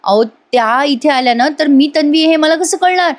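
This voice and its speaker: A woman's voice: high-pitched, normal speed, voice pushed up, natural voice. A woman voicing a worried young wife who keeps urging her husband to act, read out in a serial review. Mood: anxious. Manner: worried, urgent. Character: anxious young wife, insistent.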